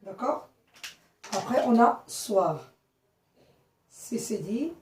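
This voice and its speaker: A woman teaching young children a phonics lesson, speaking slowly and clearly, repeating and spelling out words and often checking they follow. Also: on the high side, expressive, a little mellow. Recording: echoey room, voice from a distance.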